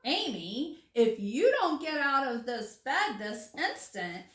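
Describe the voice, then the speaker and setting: A stern storybook father who lays down the law, slow and firm, as a woman reads him out. The voice sounds roomy and a little far from the mic. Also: sits high, big pitch swings, a bit bright, exaggerated voice. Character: stern father of a sleepy girl. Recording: roomy room, distant mic.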